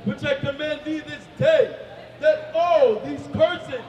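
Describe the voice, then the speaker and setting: A man with a very high voice loudly declaims scripture on a street. The recording is distant and dull, with a long reverb tail. A crowd murmurs behind him. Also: fairly even intonation, slow pace, a little hiss or hum. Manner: loud, declaiming. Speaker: scripture reader for a street preacher. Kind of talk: reading scripture aloud. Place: outdoors on a city street.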